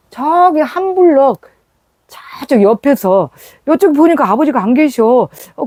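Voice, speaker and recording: A woman's voice: a little high, a little mellow, dry recording. A woman preaching a sermon through a personal story, acting out the scenes as she tells them.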